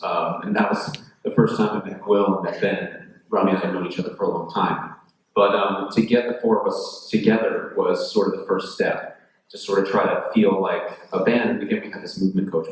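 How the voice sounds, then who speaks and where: A man answering questions as an actor on a panel, chatty and relaxed, with many fillers and restarts. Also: on the low side. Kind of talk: conversational Q&A answers. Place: large echoey school hall. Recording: echoey hall from far off.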